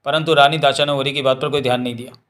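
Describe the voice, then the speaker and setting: Guy reading a novel out loud, pretty monotone, same voice for everyone. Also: medium pitch, fast. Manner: reads all characters in a nearly even voice. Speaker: audiobook narrator. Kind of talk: scripted novel narration.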